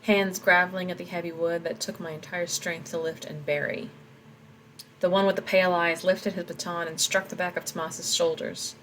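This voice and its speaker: Low-voiced woman reading her own story. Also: flat delivery, moderate pace, a bit bright, slight background noise, low-quality recording. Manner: reflective, talks through her edits. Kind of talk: reading aloud and commenting on edits.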